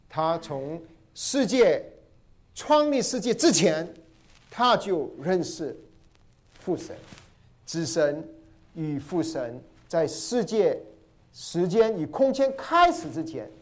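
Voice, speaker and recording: A man preaching an expository sermon, teaching verse by verse with repeated phrases and sudden drops to a soft low voice. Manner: swings between emphatic rises and soft low drops.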